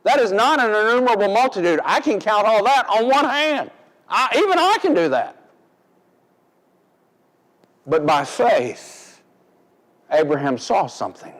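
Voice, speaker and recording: Preacher, male, high voice, deliberate emphatic sermon delivery, recorded with a long church-hall reverb. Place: church sanctuary.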